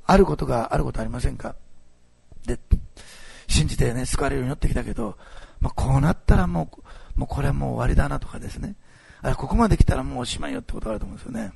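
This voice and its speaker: A male pastor delivering a sermon in a heavily gravelly, husky voice. He talks fast and his pitch leaps around, with sudden loud bursts and hushed asides. The sound is dry and close. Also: no echo. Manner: animated, swings between loud and hushed. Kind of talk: sermon with storytelling.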